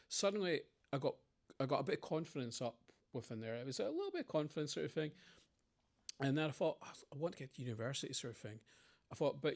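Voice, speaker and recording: Fast-talking Scottish man telling stories. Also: mid-range voice. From Scotland. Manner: rambling anecdotes with quoted voices. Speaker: panel speaker. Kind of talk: conversational Q&A storytelling.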